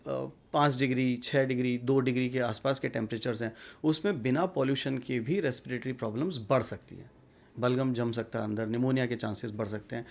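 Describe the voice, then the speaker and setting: Male doctor guest, gravelly voice, measured explainer. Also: medium pitch, a little mellow. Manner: measured, explanatory, mixes English terms. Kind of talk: medical interview answers.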